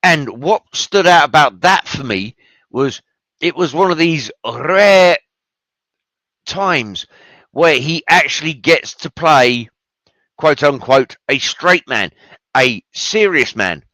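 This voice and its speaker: Male host, casual film talk, swears freely, animated delivery, unhurried pace, dry close sound. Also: fairly high pitch, no room sound, rough recording. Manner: enthusiastic, swears freely, rambling asides. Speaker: podcast host.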